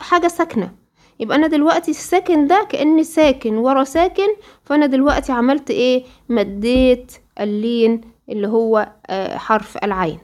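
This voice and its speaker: A woman with an Egyptian accent teaching Quran recitation rules, asking her students questions and answering them herself, sometimes drawing out example words slowly. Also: high voice, darkish tone. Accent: Egyptian Arabic. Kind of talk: interactive lesson with students.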